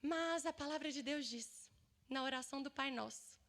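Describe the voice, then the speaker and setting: Brazilian woman preacher, high voice, emotive testimony, long church reverb. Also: normal speed. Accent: Brazilian Portuguese. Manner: emotional, acts out dialogue, swings loud and soft. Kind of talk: sermon testimony. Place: church seminar.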